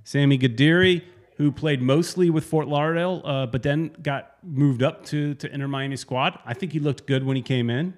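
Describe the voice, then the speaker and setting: A man co-hosting a casual sports podcast, rambling and correcting himself as he talks, with sudden animated bursts. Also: fairly high pitch, moderate pace. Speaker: podcast co-host.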